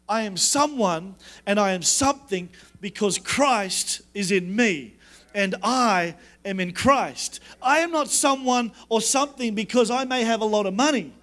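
A pastor preaches a sermon emphatically and repetitively, his voice dropping low and soft whenever he quotes God's words. His intonation is lively, and he keeps a measured pace.

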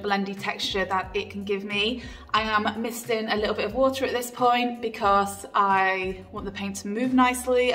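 Female tutorial host, easygoing and chatty, a bit off-mic, soft music behind. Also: mid-range voice, distant mic. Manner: chatty, relaxed, with frequent ums. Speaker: furniture painting tutor. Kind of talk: casual tutorial voice-over.

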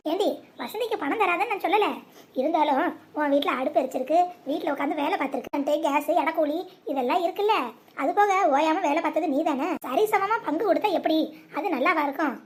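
A woman's voice: sits high, expressive, fairly quick. A performer voicing a meddling, opinionated mother-in-law who nags. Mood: nagging.

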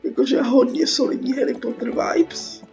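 Over game music, a dull lo-fi voice track carries a high, darkish-toned woman's voice. She's a young gaming video host with a Czech accent who is sick with a cold, offering rambling, slangy, sarcastic commentary on the game.

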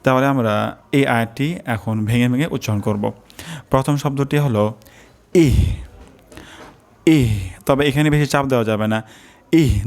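Man, recitation teacher, smooth clear tone, patient, repeats words slowly. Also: mid-range voice, darkish tone. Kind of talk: instructional lesson with chanted recitation.

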